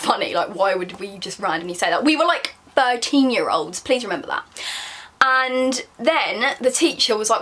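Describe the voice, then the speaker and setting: A woman's voice: mid-range voice, a bit bright. A young woman with a southern English accent reads her diary aloud casually, embarrassed and self-mocking, breaking off for chatty asides. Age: young adult. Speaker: vlogger.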